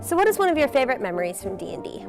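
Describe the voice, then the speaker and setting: A young woman reading scripted documentary narration in an earnest, measured way, and asking interview questions. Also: sits high, very animated, creaky. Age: young adult. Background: background music.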